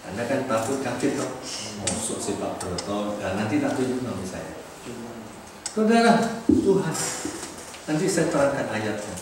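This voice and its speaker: A man preaching, lively, drawing answers from the crowd. He sounds far from the microphone. The big hall echoes heavily, with steady noise behind him. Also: mid-range voice, normal speed, long pauses. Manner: lively, asks the audience questions often. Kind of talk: sermon.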